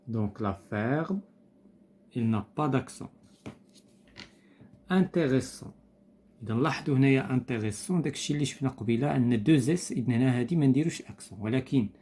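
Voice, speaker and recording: Explaining an exercise from a French textbook, a male teacher with a Moroccan Arabic accent keeps an even pitch. He proceeds patiently and methodically, repeating every example word and stopping on little hesitant fillers.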